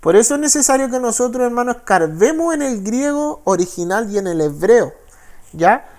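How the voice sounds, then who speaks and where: A man with a Chilean Spanish accent, a pastor teaching the Bible in a sermon. He reads verses slowly and keeps checking with listeners. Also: very high voice, big pitch swings, a little mellow. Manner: frequent tag questions, slow deliberate verse reading.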